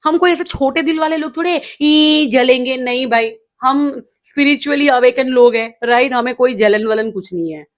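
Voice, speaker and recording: A woman's voice: sits high, normal speed, hardly any pauses. A woman hosting a casual roast commentary, talking in a sarcastic, mocking, ranting way. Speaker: commentary host.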